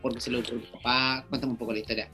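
A chatty Chilean man hosting an interview, with a Chilean Spanish accent. His voice has a middle pitch, he laughs easily, and he drops in many fillers. Faint music runs under the conversation. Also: flat delivery, very fast, pushed and bright. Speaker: podcast host. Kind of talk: casual interview chat.

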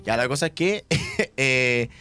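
A man's voice: medium pitch, expressive, takes it slowly, bright, forceful tone, clean tone. A young man with a Chilean accent, co-hosting a radio chat and telling a story animatedly, acting out the voices. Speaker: radio show co-host. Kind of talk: casual chat.

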